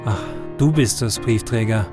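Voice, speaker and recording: A man voicing a cheerful, eager village shoemaker in a children's story, in a raised, excited voice. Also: mid-range voice, normal speed, over music, lightly acted. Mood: disappointed.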